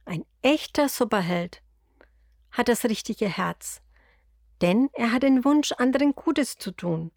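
A woman voicing a loving, patient old grandfather in a storybook, speaking in a gentle, reassuring way. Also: on the high side, animated, slow, no room sound, clean studio sound, voice pushed up, full character voice. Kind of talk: storybook character voice.

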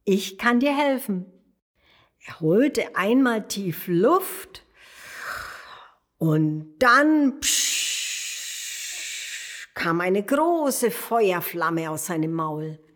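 A woman reading a children's story aloud, soft and expressive, addressing the young listener. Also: mid-range voice.

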